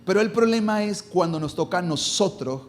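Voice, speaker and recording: A man preaches from the pulpit with a fairly high voice. He talks emphatically and draws out his key lines to drive them home, with a faint room murmur behind him. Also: expressive, a little hiss or hum. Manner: emphatic preaching, slowing and rising on key phrases. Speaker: pastor. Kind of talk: sermon.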